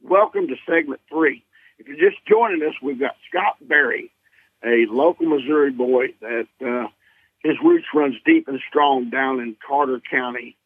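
Husky man on a phone line. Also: mid-range voice, normal speed, dry recording. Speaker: radio show host. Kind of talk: outdoors radio talk show. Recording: thin telephone-like line.

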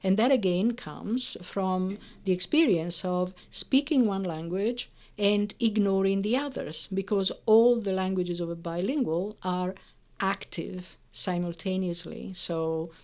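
In an interview, an Italian-speaking woman who does research explains the benefits of bilingualism. Her voice is medium in pitch with a darkish tone, and she talks carefully and measuredly, pausing often and using hesitant fillers as she explains.

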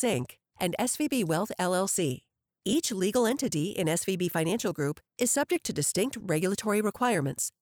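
A woman's voice: medium pitch, no room sound, studio quality. A woman narrator reads a scripted legal disclaimer in a formal, precise way. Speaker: disclaimer narrator for a financial podcast.

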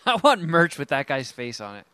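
Podcast guy joking around crude, slightly high voice. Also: huge pitch swings, normal speed, pushed and bright, smooth, dry recording. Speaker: podcast co-host. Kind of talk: casual chat.

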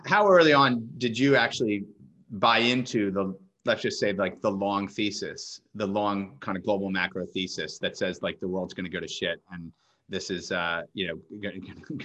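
A man with a deep voice that still has a bright, forceful edge. He hosts a casual interview, circling toward his question with false starts and filler words. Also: moderate pace. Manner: hesitant, restarting questions. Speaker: podcast host.

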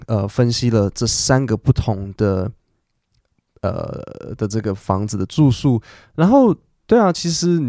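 A man's voice: on the low side, mellow, no room sound, clean studio sound. A man, hosting a casual podcast lesson and explaining English words in a chatty way full of fillers. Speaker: podcast host and English teacher.

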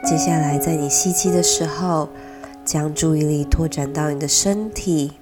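A woman speaks in a low register, softly leading a guided meditation over prominent piano music. Her delivery is soothing and unhurried, with long pauses between short phrases. A head cold gives her voice a slightly nasal tone. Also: steady tone. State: has a cold. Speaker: podcast host leading a guided mindfulness meditation. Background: gentle piano music.

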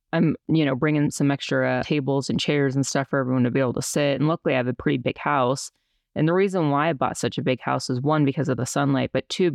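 A woman hosting a podcast in casual chat, with a creaky voice and a stiff, barely moving mouth as if numb from the dentist. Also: sits low, a little mellow, dry recording. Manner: stiff-mouthed speech, numb-jawed after dental work. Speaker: podcast host.

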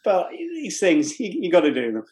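A man's voice: sits high, huge pitch swings, moderate pace, a little mellow. An older man from North East England, a regional TV presenter, telling stories as a guest on a podcast. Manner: rambling storyteller with many restarts. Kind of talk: casual podcast chat.

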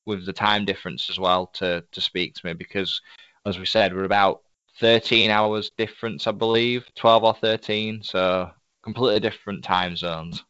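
A man's voice: lowish voice, fairly even intonation, normal speed, fairly bright tone, clear, resonant tone, no room sound, dull audio. A man hosting a casual interview, speaking in a polite, wordy, effusive way. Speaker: podcast host, interviewer. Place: indoors at a desk.

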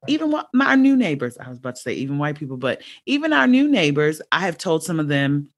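A woman in her forties hosting a podcast, chatting casually and thinking aloud, with many restarts and sudden jumps up in pitch. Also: sing-song, quick pace. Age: 40s. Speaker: podcast host and educator. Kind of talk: casual conversational interview.

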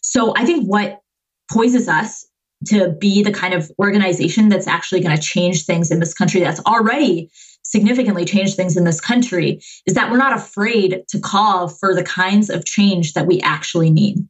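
A woman in her twenties from Massachusetts, a climate organizer talking passionately and quickly in a podcast interview, with many fillers. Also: mid-range voice, slightly rough, dull audio. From Massachusetts, USA. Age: 20s. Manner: passionate, fast, with frequent fillers. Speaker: climate movement organizer, guest.

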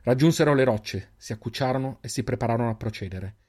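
Steady male audiobook narrator. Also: mid-range voice, fast. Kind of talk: scripted narration.

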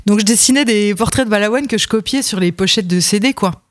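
A woman's voice: medium pitch, fast, dry recording, clean studio sound. A woman in her thirties with a slight Franche-Comté accent, chatting frankly and laughing often as a podcast guest. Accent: Franche-Comté French, slight. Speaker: guest, comics author. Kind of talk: casual podcast chat.

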